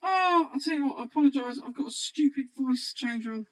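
A man hosting a casual livestream, talking through a voice changer that pitches his voice up to sound like a girl, hesitant with many ums. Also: fairly quick, no echo, poor audio. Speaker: podcast host.

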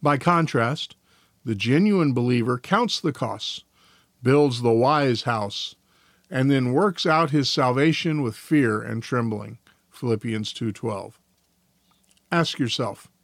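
A man's voice: mid-range voice, dry recording, studio quality. A male podcast host reading a devotional and a church confession aloud in a careful way, now and then tripping over his words.

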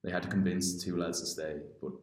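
Young male podcast co-host, deep voice, loose conversational delivery, cave-like echo. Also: flat delivery, a little fast. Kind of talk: casual unscripted podcast chat. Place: cave room in a basement. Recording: echoey cave-like room.

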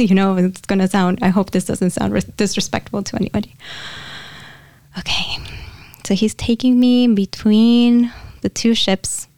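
A young woman guest on a podcast, chatting casually and describing a spiritual channeling, often laughing and dropping to a soft near-whisper. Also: mid-range voice, vocal fry, no room sound, studio quality.

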